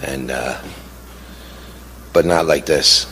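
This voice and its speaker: A man's voice: rumbling low, fairly even intonation, slow pace, sharp tone, a little hiss or hum. A middle-aged man, a bereaved father giving impassioned testimony, blunt and indignant, repeating words for emphasis and firing off rhetorical questions.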